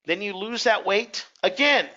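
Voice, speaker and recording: Bright, forceful male webinar host. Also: high-pitched, a little slow, lo-fi sound. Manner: conversational, asks the audience direct questions. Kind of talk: motivational webinar talk.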